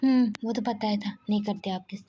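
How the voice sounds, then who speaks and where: A sharp-tongued young wife, voiced by a woman narrator teases and mocks in a quick, low-key way. Her tone is mellow and fairly flat. The recording is dull and lo-fi. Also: lightly acted. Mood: teasing. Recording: dull lo-fi with faint hiss.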